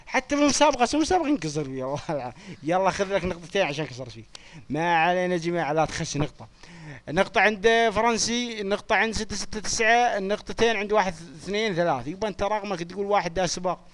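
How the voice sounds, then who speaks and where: Fast-talking high-voiced man hosting. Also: a bit bright. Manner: teasing, swears oaths, rapid banter with participants. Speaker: quiz host on a live chat stream. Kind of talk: joking casual hosting.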